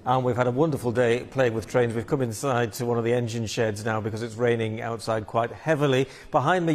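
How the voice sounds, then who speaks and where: A man working as a TV news reporter, narrating a regional report and interviewing on location. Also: medium pitch.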